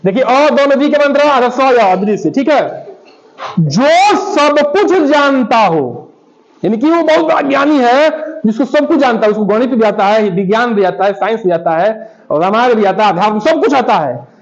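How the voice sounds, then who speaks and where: A man's voice: very high voice, lively intonation, a little fast, muffled recording. A male school teacher giving a Hindi lesson in a classroom, patiently asking the class questions and repeating their answers.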